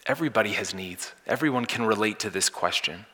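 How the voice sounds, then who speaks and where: A man preaching a sermon as pastor, swinging from loud emphatic lines to soft hushed ones. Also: lowish voice, expressive, fairly quick, slightly rough. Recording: long hall reverb.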